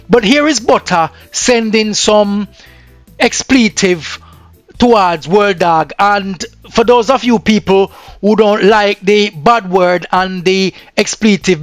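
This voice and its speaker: A man's voice: high voice, fairly bright tone, no echo. A man with a Jamaican accent commenting on news in a chatty way that drifts into patois.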